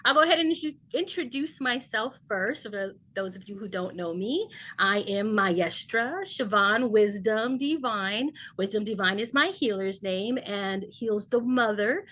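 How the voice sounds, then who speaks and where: A woman's voice: mid-range voice, lively intonation, a little slow. A woman hosting an online healing event over a video call, speaking earnestly with many ums. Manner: warm-paced, filler-heavy, earnest. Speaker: host, shamanic healer.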